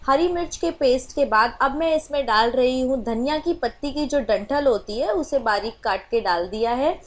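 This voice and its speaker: A woman's voice: sits high, animated, moderate pace. A woman explaining a recipe step by step in a voice-over cooking tutorial, with many small filler phrases. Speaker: cooking channel host.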